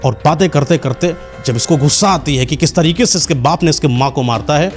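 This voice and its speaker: A man's voice: on the high side, brisk, faint music behind. A man narrating a horror story dramatically, with an intense delivery and words repeated for suspense.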